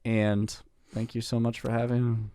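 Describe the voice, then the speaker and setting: A man talking as a podcast guest and cartoonist in casual chat, with joking deadpan asides. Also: mid-range voice, measured pace, clear, resonant tone, dry recording, clean studio sound. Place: podcast studio.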